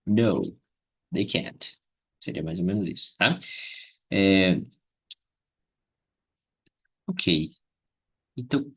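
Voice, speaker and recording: A man teaching English grammar, slowly drilling example phrases and checking in with the learners often. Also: lowish voice, creaky, a bit bright, slightly rough. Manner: slow deliberate drilling of example phrases, frequent "né?" and "tá?".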